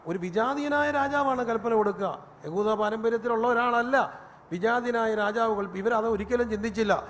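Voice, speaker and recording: A man's voice: extremely high pitch, moderate pace, fairly bright tone, big-room sound, a little hiss or hum. A male pastor giving a sermon, telling stories in an easy, chatty way that builds into fervent preaching. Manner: conversational storytelling that rises into fervent preaching.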